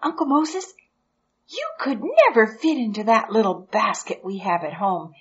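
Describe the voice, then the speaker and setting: A woman's voice: medium pitch, unhurried, breathy edge, voice pushed up, exaggerated voice. A woman voicing an eager, curious young boy who pleads and asks questions, on a dull lo-fi recording. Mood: excited. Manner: excited, pleading, wide-eyed questions.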